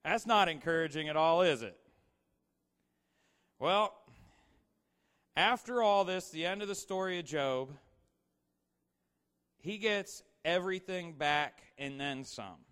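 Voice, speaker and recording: Guy giving a chatty sermon, kinda high voice, lots of you-knows, long echo of a big hall. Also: takes it slowly, long pauses, a bit bright, clean tone. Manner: casual, storytelling, asks the audience questions; filler-heavy, repeats "you know". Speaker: preacher. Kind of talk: conversational sermon. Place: large hall with slides.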